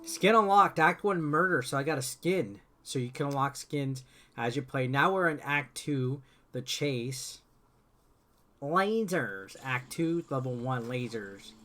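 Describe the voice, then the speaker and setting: Over background game music, a male streamer gives casual, joking play-by-play and sometimes reads the screen's text aloud. His mid-range delivery is animated and bright with a forceful edge, kept at a measured pace.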